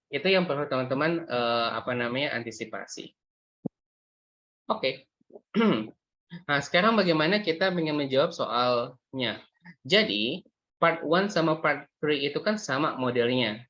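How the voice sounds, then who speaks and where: A man's voice: on the high side, a bit bright, highs cut off. A man explaining exam speaking skills in a workshop lecture, mixing English terms into his talk with frequent fillers and hesitations. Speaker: IELTS speaking tutor.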